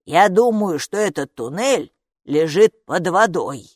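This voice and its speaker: A stern, earthy gatekeeper who lives underground, drawling each word slowly and muttering to herself, as a woman puts her on for a storybook. Her voice sits low and dry, close to the mic. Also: animated, darkish tone, dry recording. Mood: grumbling. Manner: slow, grumbling, deliberate.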